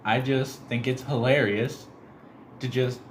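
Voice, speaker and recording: A young man co-hosting a casual podcast, telling stories animatedly and acting out quotes in a squeaky high voice. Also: fairly even intonation, takes it slowly, a little hiss or hum. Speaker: podcast co-host. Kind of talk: casual chat.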